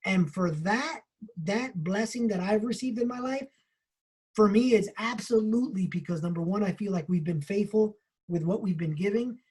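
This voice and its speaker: A man co-hosting a book club, telling a personal story in an animated way with casual swearing. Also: high voice, moderate pace, slightly rough.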